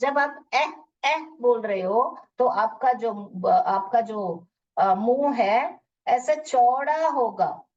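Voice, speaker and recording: A woman's voice: fairly high pitch, lively intonation, a little mellow. A woman teaching phonics in a live online class, sounding out letters one by one and mixing Hindi explanations with English words. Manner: drills sounds slowly, letter by letter. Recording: dull distant lo-fi audio.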